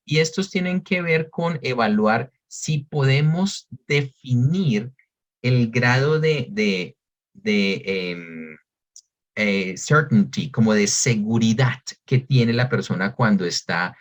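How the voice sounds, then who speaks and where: A man's voice: fairly low pitch, slow. A man with a Colombian Spanish accent presenting an online webinar lesson, explaining as he goes with frequent fillers and rephrasing. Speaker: webinar presenter on English exams.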